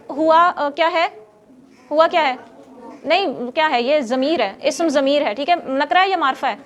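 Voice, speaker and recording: Woman teacher, high voice, walks the class through grammar step by step, keeps quizzing students. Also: fairly bright tone. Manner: scolds noisy students.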